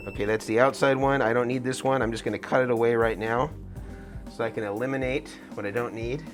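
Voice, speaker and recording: A man's voice: medium pitch, fairly even intonation, quick pace, soft background music. An American man talking through a face mask that muffles him, explaining a hands-on tutorial step by step. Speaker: tutorial host, guitar rig builder.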